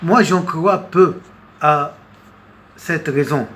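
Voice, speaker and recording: A man delivers unscripted political commentary in a very slow, halting monologue, hesitating with long pauses and repeated words. His voice is fairly high and a bit bright. Noticeable background noise runs through the recording.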